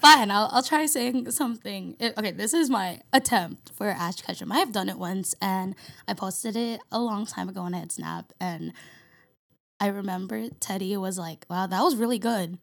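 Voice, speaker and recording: A giggly woman chats casually as a podcast co-host, her voice settling into a gravelly fry at the ends of phrases. She hesitates, restarts and keeps breaking into laughter. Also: mid-range voice, moderate pace, fairly bright tone. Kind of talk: casual chat.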